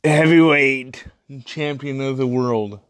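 A man hosting a casual solo podcast review, speaking in halting, terse, choppy phrases. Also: mid-range voice, fairly bright tone, no room sound, studio quality. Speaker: wrestling podcast host.

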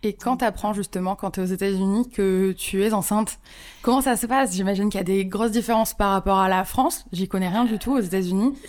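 A woman hosting a podcast, opening the show with a clearly paced intro and asking curious questions. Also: medium pitch, brisk, a little mellow. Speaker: podcast host.

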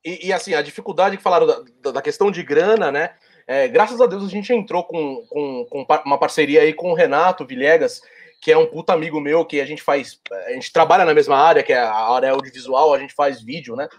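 A man who works in video talks in casual chat and keeps stumbling over his words. His voice sits slightly high. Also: fairly quick. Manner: hesitant, repeating words. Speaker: video producer.

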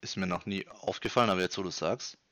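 A man's voice: low-pitched, fast talker, no echo. Young man telling a story. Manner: animated storyteller, acts out quoted voices. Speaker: podcast co-host. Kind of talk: casual chat.

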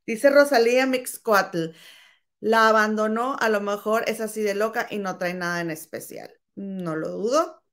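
A woman's voice: medium pitch, measured pace, fairly bright tone. A Mexican woman co-hosting a casual gossip chat, indignant, reading out viewer comments and calling her co-host "comadre".

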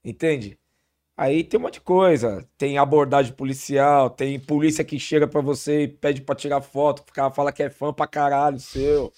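A man's voice: a little high, normal speed. A man telling stories in a casual podcast chat, full of slang and restarts. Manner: relaxed storytelling, heavy slang, frequent restarts. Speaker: podcast guest.

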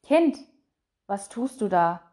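A woman voicing a gentle, worried old grandfather in a storybook reading. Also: on the high side, a little slow, natural voice. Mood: concerned.

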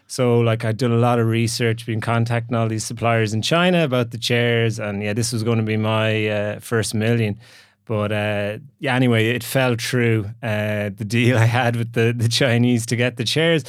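A man's voice: medium pitch, fairly even intonation, normal speed, smooth, dry recording, studio quality. A man in his thirties from the west of Ireland, with that accent, telling stories casually and informally as an interview guest. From Galway, Ireland. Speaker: podcast guest, entrepreneur.

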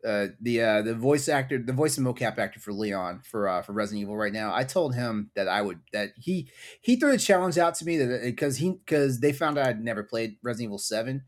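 A man co-hosting a casual podcast, joking about himself, with halting restarts. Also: medium pitch, expressive. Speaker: podcast co-host.

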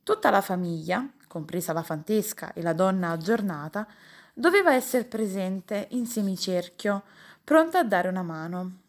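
A woman narrating a humorous novel in a steady, even storytelling voice. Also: medium pitch, moderate pace. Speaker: audiobook reader.

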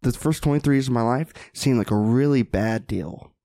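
A man who is a podcast guest and mindset mentor, telling a parable in an animated, casual way and often asking "right?". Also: mid-range voice, normal speed, no room sound, clean studio sound. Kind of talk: casual storytelling.

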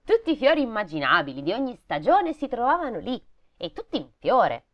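A woman's voice: on the high side, big pitch swings, brisk, lo-fi sound. A woman reading a fairy tale aloud, breaking off with sarcastic, swearing comments. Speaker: storybook reader.

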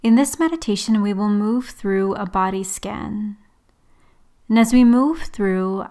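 A woman leading a guided relaxation meditation in a soothing, unhurried sleep-story manner, leaving long pauses. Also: medium pitch, a little mellow. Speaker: yoga and meditation teacher, host. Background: background music.

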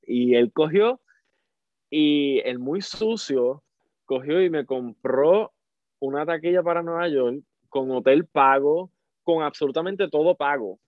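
A man with a Puerto Rican accent, a podcast guest telling a personal story in a casual, animated way and repeating words for emphasis. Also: fairly high pitch, slow pace, dry recording. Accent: Puerto Rican Spanish. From Puerto Rico. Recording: dry, phone-like narrow sound.

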